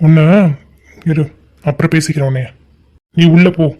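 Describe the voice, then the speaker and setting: A man's voice: a little high, steady tone, moderate pace, muffled recording, close to an everyday voice. A man voicing a stern, angry middle-aged father in a cartoon family drama, scolding and giving orders. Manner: scolding, commanding.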